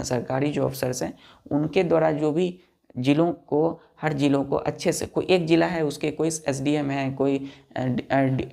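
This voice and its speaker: A man's voice: a little high, gravelly, a little mellow. A man teaching English vocabulary for exam prep, explaining patiently, repeating key words, spelling them out letter by letter and checking that students follow.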